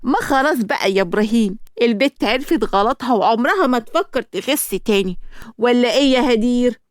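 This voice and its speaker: A woman voicing a bossy, doting Egyptian mother in an animated storybook, fussing and scolding. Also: on the high side, fairly quick, dry recording, studio quality, natural voice.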